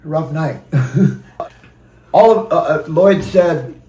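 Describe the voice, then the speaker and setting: A man with a slightly high voice tells a personal story, halting now and then and acting out what others said. He sits back from the mic, and his voice carries an echo from the room around him. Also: mellow, highs cut off. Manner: halting, recounts events with quoted dialogue. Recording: roomy sound from a distant mic.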